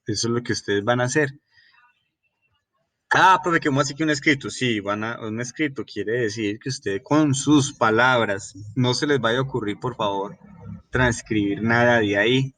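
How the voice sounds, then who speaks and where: A man's voice: mid-range voice, moderate pace, fairly bright tone, no echo. Colombian male teacher, dry sound. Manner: explanatory, frequent fillers and restarts, checks with "¿cierto?". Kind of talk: recorded class lecture.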